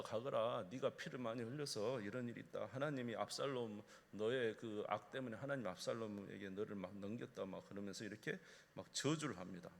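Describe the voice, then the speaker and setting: A man's voice: medium pitch, gravelly. A male pastor preaching a sermon, emphatic and often asking the congregation questions. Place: church sanctuary. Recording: echoey church hall.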